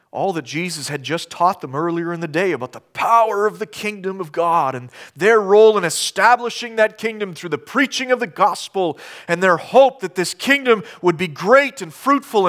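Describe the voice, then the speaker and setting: A middle-aged male pastor with a voice that sits high preaches a sermon, moving between hushed storytelling and loud, impassioned outbursts.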